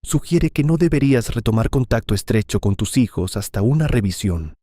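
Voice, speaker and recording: A man's voice: medium pitch, lively intonation, a little fast, mellow, no room sound, clean studio sound, natural voice. A man voicing a serious, guarded male military commander in a storybook. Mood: grave.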